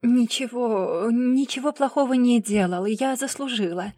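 A broken, frantic young woman shrieks her accusations, voiced by a woman reading the story. Her voice jumps high and loud in a dry, close recording for an audiobook. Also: unhurried, no echo. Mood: dazed, guilty.

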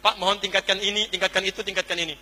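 A man preaching an Islamic lecture to a congregation, animated, going from hushed to exclaiming and putting questions straight to the audience. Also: high-pitched, racing. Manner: addresses the audience directly with questions. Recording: echoey hall.

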